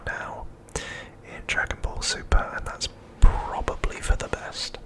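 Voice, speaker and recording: Here an ASMR host talks through objects without a script, using a soft, breathy whisper that stays unvoiced, quiet, and unhurried.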